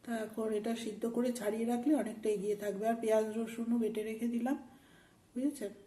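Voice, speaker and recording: A woman's voice: on the high side, fairly even intonation, fast talker, warm tone. A woman with a sore throat, chatting homely in a casual cooking vlog from her home kitchen, explaining each step. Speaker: vlogger.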